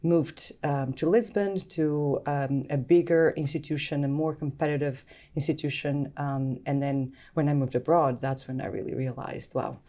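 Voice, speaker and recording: Low, mellow Portuguese-accented woman. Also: fairly even intonation, normal speed, few pauses. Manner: thoughtful, hesitant with frequent ums. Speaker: guest scientist. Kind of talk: podcast interview.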